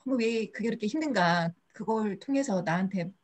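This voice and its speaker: A woman from the audience earnestly explains her difficulty in halting, word-searching speech. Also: medium pitch, lively intonation. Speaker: audience member asking a question. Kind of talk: question-and-answer talk.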